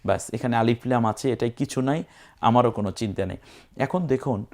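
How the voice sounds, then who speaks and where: A man with a Bangladeshi Bengali accent teaching recitation, explaining letter by letter and chanting words in long drawn-out tones. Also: medium pitch, a little mellow. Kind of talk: spelling-out lesson.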